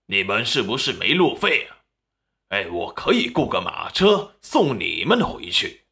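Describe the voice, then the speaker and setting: A man's voice: on the low side, huge pitch swings, a little slow, vocal fry, exaggerated voice. A man voicing a stern old male teacher who scolds with contempt. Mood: scornful. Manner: sharp, contemptuous.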